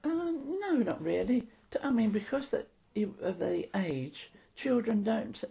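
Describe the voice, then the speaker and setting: This is an old woman in her eighties with a London accent. Her voice is heavily creaky and husky, with a soft, dark tone. She talks casually about the past in a plain, matter-of-fact way. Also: fairly high pitch, big pitch swings, a little slow. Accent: London English. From London, England. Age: 80s. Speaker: interviewee. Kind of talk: casual reminiscence of wartime childhood.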